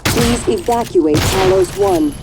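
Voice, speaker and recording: A woman voicing a calm female space station computer that gives measured warning announcements in a video game. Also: fairly high pitch, creaky, background noise, heavily acted.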